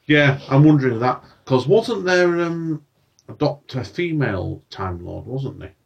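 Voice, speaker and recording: Very husky man hosting. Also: mid-range voice, expressive, a little slow, far from the mic, muffled recording. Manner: chatty, loses his words, asks questions. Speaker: podcast host. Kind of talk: casual film and TV chat.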